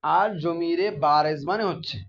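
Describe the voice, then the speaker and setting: A man's voice: a little high, normal speed, creaky, lo-fi sound. A man teaching a class, often asking his students questions and repeating the key terms. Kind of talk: classroom grammar lesson.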